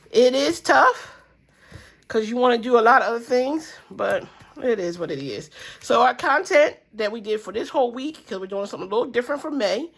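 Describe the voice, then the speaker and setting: Her mid-range voice is creaky, husky, and a bit bright. She's a woman with a stuffy nose vlogging casually about her budget to the camera, rambling with fillers and saying guys and y'all to her viewers.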